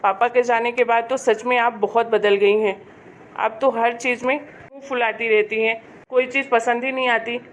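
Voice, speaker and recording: A woman's voice: on the high side, level tone, normal speed, a little hiss or hum, natural voice. A woman playing an impatient, scolding grown son. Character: irritable adult son who trusts his wife. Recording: dull lo-fi home recording.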